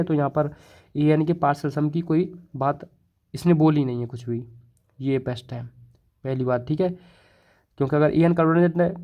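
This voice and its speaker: A man teaching a math lesson at the board in a casual, chatty way, with a North Indian accent, mixing English terms into his talk and often repeating little fillers. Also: fairly high pitch. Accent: Hindi-English code-mixing, North Indian. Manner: chatty, repeats "thoda sa" and "theek hai", many fillers and restarts. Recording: dull, lo-fi mic.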